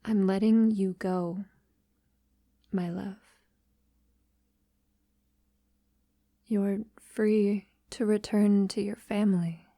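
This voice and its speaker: In this romantic ASMR-style roleplay, the woman acting a refined, devoted female vampire sounds sorrowful and resigned as she addresses her lover with formal tenderness. Her voice is dark and velvety at a medium pitch with fairly even intonation, close to everyday speech and recorded very close, dry, without echo. Her delivery is slow, soft, and breathy, often dropping into whispers.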